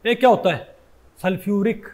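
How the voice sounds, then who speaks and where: A male chemistry teacher gives a Hindi classroom lecture, constantly asking his students questions, often saying "bhai," and correcting himself mid-sentence. His voice is high and a little mellow, at a moderate pace.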